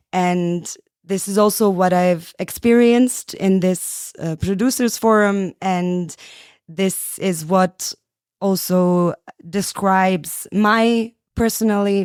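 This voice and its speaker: Woman guest in an interview, earnest, thoughtful, words chosen slowly, dry sound. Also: mid-range voice, a little mellow, clean tone, no room sound. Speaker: guest musician. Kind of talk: interview answer.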